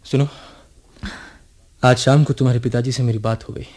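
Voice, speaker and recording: An actor playing a desperate, brooding young man in a radio drama, talking in a hushed, urgent way. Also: mid-range voice, fairly even intonation, moderate pace, natural voice. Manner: hushed, urgent, often trailing to a murmur. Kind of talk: 1980s radio drama acting.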